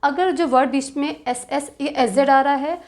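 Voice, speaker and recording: High-pitched lady teacher, patient, repeats every rule, stretches out example words. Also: normal speed. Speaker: shorthand teacher. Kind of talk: step-by-step tutorial explanation.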